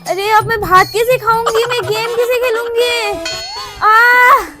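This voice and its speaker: A woman's voice: very high voice, fairly even intonation, slow pace. A woman playing a stubborn, game-addicted young daughter in a comedy sketch, whiny and pleading. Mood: panicked. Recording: music behind.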